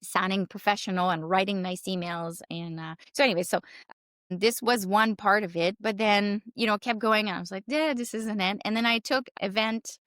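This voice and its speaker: A French Canadian woman in her forties, a native French speaker who works as a circus performer and realtor, chats casually as an interview guest, rambling with lots of fillers. Her medium-pitched voice is steady and fairly bright and moves at a normal speed. The studio-quality recording has no echo.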